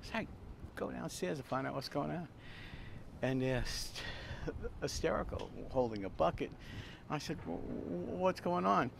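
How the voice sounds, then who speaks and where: A man's voice: on the high side, expressive, measured pace, vocal fry. An older man hosting a cooking video at an outdoor grill, rambling through a long anecdote with frequent chuckles and repeated words. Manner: chatty, laughs often, repeats words. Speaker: cooking show host. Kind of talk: rambling storytelling while cooking. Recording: noisy outdoor recording with traffic. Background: outdoor ambience, passing traffic.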